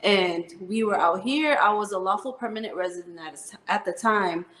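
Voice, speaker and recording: A woman's voice: medium pitch, moderate pace, a bit bright. Earnest army woman in her 30s, mid voice, lots of ums, roomy echoey sound. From Philippines, raised in New Jersey. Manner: earnest, heartfelt storytelling with fillers. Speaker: Army first sergeant, guest. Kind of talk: interview conversation.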